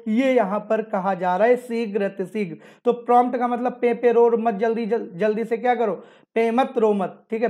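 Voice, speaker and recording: A man's voice: high-pitched, a little mellow. A man teaching English vocabulary, explaining words through memory tricks and repeatedly asking and answering his own questions. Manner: repetitive, drilling phrases over and over. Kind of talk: explaining newspaper vocabulary with mnemonics.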